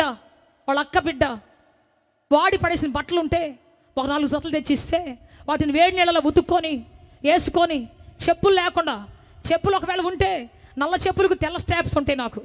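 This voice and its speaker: High-voiced fervent woman preacher. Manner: fervent, pleading, often rising to loud cries. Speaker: preacher giving her testimony. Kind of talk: emotional testimony sermon.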